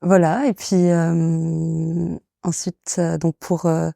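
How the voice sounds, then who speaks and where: A young woman from England who grew up in France, speaking in a low, dark, rather flat voice. She talks hesitantly, with many fillers and pauses, as a guest in a casual interview. The sound is dry and close. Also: vocal fry, dry recording. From England, raised in France. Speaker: guest, association director.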